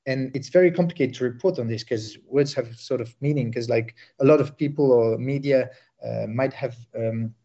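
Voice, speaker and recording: A man originally from Bosnia, a war correspondent reporting from the field, speaking haltingly with many fillers and restarts. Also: mid-range voice, warm tone, lo-fi sound.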